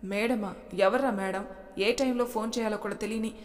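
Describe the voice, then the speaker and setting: A woman's voice: medium pitch, steady tone, fairly quick, natural voice. Woman reading a fiery, naive young wife, storybook voice, echo of a hall. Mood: irritated. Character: young wife, hot-tempered yet innocent, tearful.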